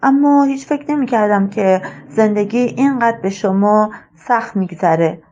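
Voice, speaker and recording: A woman voicing an elderly retired male colonel, a rambling and wistful father who speaks slowly and musingly. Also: medium pitch, darkish tone, muffled recording, close to an everyday voice.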